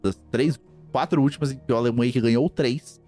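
A man's voice: mid-range voice, moderate pace, mellow, soft background music. A man with a Brazilian accent chatting casually as a podcast host, slangy and emphatic, often repeating himself. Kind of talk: casual chat.

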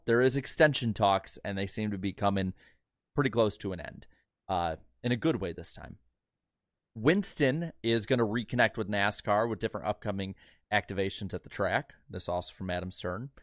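A man's voice: on the low side, a bit bright, dry recording, clean studio sound. A man co-hosting a motorsport podcast, reading news items in a loose, joking way with lots of fillers. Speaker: podcast co-host. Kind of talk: casual podcast chat.

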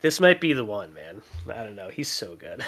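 A man from Chicago talks shop on a sports podcast in a loose, animated way. He drops fillers and the odd swear word as he goes. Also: fairly low pitch, normal speed. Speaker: podcast co-host. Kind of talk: casual sports chat.

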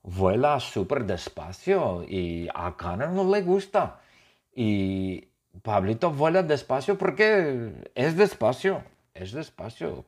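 A man telling an absurd comic story in slow, simple, repetitive sentences. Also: low voice, darkish tone, husky. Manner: playful, absurd, repeats phrases, slow. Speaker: podcast storyteller.

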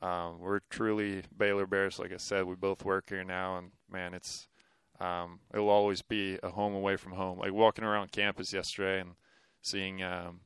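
A man, talking as an easygoing podcast guest. His voice is very low and even, smooth in tone, and recorded dry and close. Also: moderate pace, hardly any pauses, no echo. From Norway. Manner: easygoing, with many fillers and restarts. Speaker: guest, golf coach. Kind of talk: casual interview chat.

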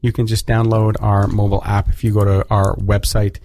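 A man's voice: lowish voice, level tone, fairly quick, darkish tone. A man hosting a community radio show, chatting casually and jokingly with guests in the studio. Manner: chatty, jokey, with fillers. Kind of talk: casual on-air chat.

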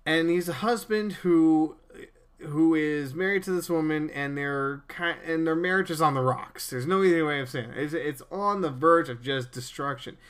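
A man's voice: fairly high pitch, normal speed, a bit bright, clean tone. Earnest man preaching on a podcast. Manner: earnest, preachy, with frequent restarts and stammers. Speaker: podcast host.

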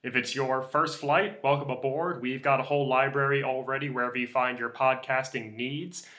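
A man's voice: mid-range voice, level tone, moderate pace, bright, forceful tone. A man co-hosting a casual podcast, explaining the show in a dry, matter-of-fact way. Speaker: podcast co-host.

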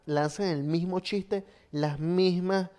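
A man's voice: high voice, steady tone, slow pace, dark tone. A young man with a Venezuelan accent, chatting casually and joking as a podcast co-host, laughing often and full of slang. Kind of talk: casual chat.

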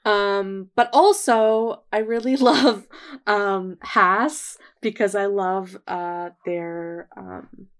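A woman's voice: mid-range voice, very slow. A woman co-hosting a podcast in casual chat, talking in long runs with many fillers and frequent laughs. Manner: chatty, filler-heavy, laughs often. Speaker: podcast co-host.

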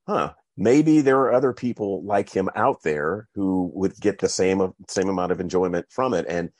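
A man from North Carolina, an author, answering interview questions in a relaxed, casual way, laughing easily and repeating words for emphasis. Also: low voice, moderate pace, no room sound.

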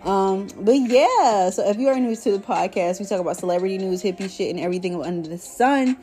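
A woman hosting a solo podcast in casual, slangy chat, rambling in a stoned, high-sounding drawl and talking straight to her listeners as y'all. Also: a little fast, warm tone, faint music behind. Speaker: podcast host.

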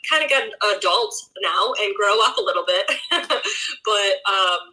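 A woman's voice: medium pitch, lively intonation, moderate pace, pushed and bright, rough recording. A woman in her twenties, a health coach guest on a podcast, chatting casually and upbeat with frequent fillers. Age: 20s.

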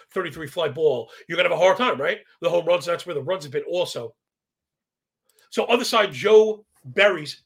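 Breaking down baseball bets on his live stream, this sports betting analyst has a high, fairly bright voice with heavy creak. He calls himself professorial but stays slangy, reeling off statistics in a casual way and ending points with a constant "right?".

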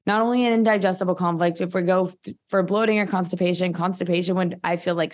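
A woman, talking as a guest practitioner in a casual interview, chatty and full of filler words. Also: lowish voice. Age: 30s.

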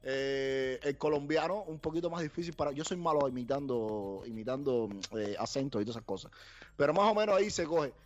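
A Cuban man with a Cuban accent, a radio host chatting casually and repeating himself with animated energy. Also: medium pitch, brisk. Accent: Cuban Spanish. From Cuba. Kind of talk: casual chat. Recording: dull lo-fi sound.

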